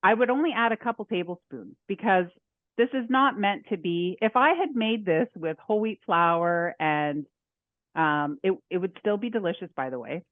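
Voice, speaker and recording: A woman's voice: lowish voice, dry recording. A woman home economist giving a chatty cooking demonstration, talking through each step as she works. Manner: chatty, laughs often, talks through her steps. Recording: dry tinny phone-like audio.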